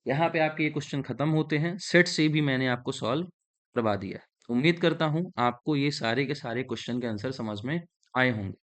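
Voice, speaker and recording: A man's voice: medium pitch, fairly bright tone. Indian male teacher explaining grammar. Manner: slow dictation of sentences, explaining step by step. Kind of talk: Hindi-English grammar lesson.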